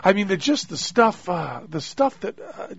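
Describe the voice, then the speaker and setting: High gravelly-voiced man hosting radio. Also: very animated, normal speed. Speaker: radio show host. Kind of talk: casual radio chat. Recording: dull lo-fi radio audio.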